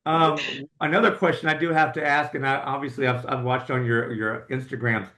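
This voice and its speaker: A man's voice: medium pitch, steady tone, fairly quick, bright, forceful tone, roomy sound. A man hosting a casual podcast interview, asking playful, jokey questions. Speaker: podcast host.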